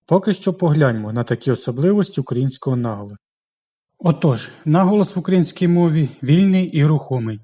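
A man teaching a language lesson in a scripted, careful way, slowly reading out lists of example words. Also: medium pitch, warm tone, slightly rough.

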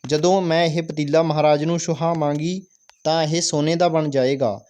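A man's voice: on the high side, steady tone, normal speed, darkish tone, clean tone, close to an everyday voice. A man reading the part of an eager, devoted old village woman in a school play, in his own voice. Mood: pleading.

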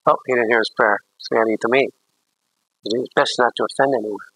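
A man's voice: medium pitch, fairly even intonation, quick pace, fairly bright tone, slight background noise, low-quality recording. A man, a priest, teaching a catechism class in a rambling, anecdotal way with jokey asides.

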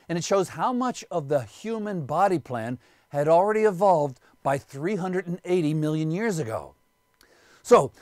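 A man's voice: on the high side, no echo, clean studio sound. A man giving a biology lecture, explaining things step by step and pointing them out as he goes.

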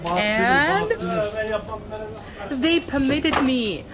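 A Russian woman with a Russian accent vlogging while walking through a fish market, chatting with sellers in halting English with many fillers. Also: high-pitched, sing-song. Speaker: travel vlogger. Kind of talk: casual walking vlog. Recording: busy crowded market in the background. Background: market crowd.

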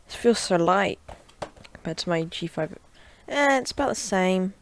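A woman at her desk at home, casually talking through a product unboxing and gameplay, chatty and offhand, breaking into loud shouts while gaming. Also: medium pitch, expressive, moderate pace, slight background noise. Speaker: tech reviewer and gamer.

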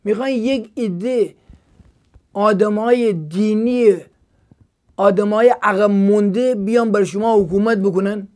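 A man with a high voice for a male speaker preaches as a pastor on a call-in TV program. He talks with fervor and keeps asking the viewers pointed rhetorical questions. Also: steady tone, a little mellow.

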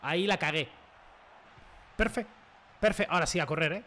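A young man commentating his own football video game play in a casual, slangy way, shouting when he scores. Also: on the high side, normal speed. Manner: excitable, slangy, shouts at goals. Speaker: gaming youtuber. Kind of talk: live gameplay commentary.

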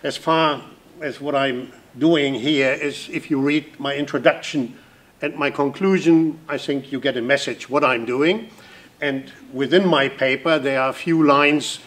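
A man's voice: medium pitch, unhurried, a bit bright. An older man, a history professor, introducing himself briefly and matter-of-factly in a seminar room. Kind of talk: self-introduction at an academic workshop.

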